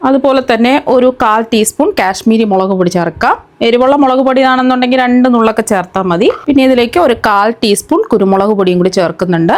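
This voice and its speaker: A woman hosting a cooking channel, explaining a recipe step by step in a steady voice-over. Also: on the high side, fast.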